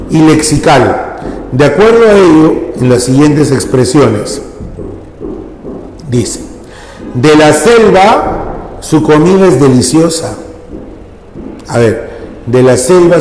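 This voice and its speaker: A male teacher explains a language lesson slowly and keeps asking his students rhetorical questions. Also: medium pitch, darkish tone, slight background noise. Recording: echoey room with long reverb.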